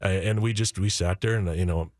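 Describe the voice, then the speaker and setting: A man with a low voice tells a story from his family life in an earnest way. He acts out his own words and his kids' words, often restarting his sentences. The sound is dry and close, as if on a studio microphone. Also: fairly quick, darkish tone, dry recording. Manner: earnest, quotes himself and his kids, many restarts. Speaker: author and guest. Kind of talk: personal storytelling in a conversation. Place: radio studio.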